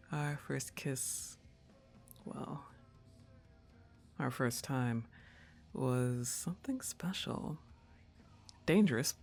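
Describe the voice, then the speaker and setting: Heavily acted, her voice rumbles low with creaks and a breathy edge as she plays a teasing young goth roommate. This intimate ASMR roleplay has her talking to her crush at a slow, casual, conversational pace.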